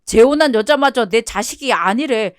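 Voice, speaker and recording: A woman's voice: on the high side, lively intonation, moderate pace, clear, resonant tone, lightly acted. A woman doing a whiny, begging ex-husband. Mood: desperate. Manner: pleading, clingy, self-pitying. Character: whiny cheating ex-husband, middle-aged man, desperate. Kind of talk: one-voice radio drama reading.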